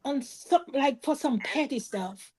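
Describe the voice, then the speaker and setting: A woman with a slightly high-pitched voice, speaking on a roundtable panel. She talks emphatically and defiantly, pressing each point home. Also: expressive, a little slow, a little mellow. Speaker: panelist, domestic violence survivor. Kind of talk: roundtable discussion. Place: live stream panel.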